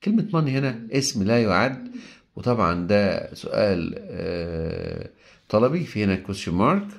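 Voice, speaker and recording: A man with an Egyptian Arabic accent walks through an English grammar lesson in a somewhat low voice. He reads each example sentence slowly and voices his students' objections before answering them. His delivery is patient and methodical. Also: sing-song, vocal fry. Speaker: English teacher.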